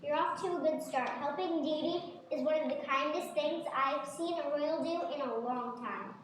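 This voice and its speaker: A noisy, heavily echoing recording of an amateur stage play. A woman plays a high-voiced royal attendant, gentle and supportive with a doubtful, mildly chiding streak. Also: moderate pace, lightly acted. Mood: encouraging. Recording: echoey noisy hall, distant mic.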